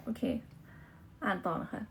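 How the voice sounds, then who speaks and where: A woman's voice: unhurried, fairly bright tone, a little hiss or hum. A woman with a Thai accent, a native Thai speaker, hosting a casual livestream chat into a phone mic and switching between chatty Thai and careful English. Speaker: livestream host.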